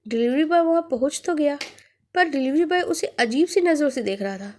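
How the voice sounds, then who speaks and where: A woman narrates a ghost story with a dramatic, suspenseful delivery. Her voice sits noticeably high. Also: expressive, a little fast, a little mellow.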